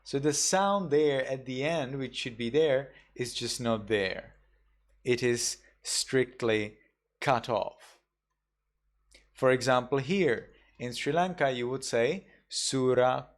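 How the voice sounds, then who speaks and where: A man, a Buddhist monk, teaching a class, going slowly through pronunciation rules and carefully repeating each example word. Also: mid-range voice. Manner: slow, patient, repeats example words carefully. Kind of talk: online class instruction.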